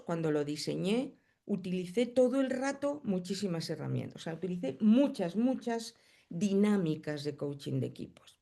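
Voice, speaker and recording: Hoarse woman with a gravelly voice teaching. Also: on the low side, dark tone. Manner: explains step by step, then reads the chat. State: hoarse, coughing. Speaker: coaching teacher. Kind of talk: live online class.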